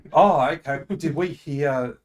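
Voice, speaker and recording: A man's voice: a little high, slow. A man playing in a tabletop game, talking casually and hesitantly, thinking aloud with many ums. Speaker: player.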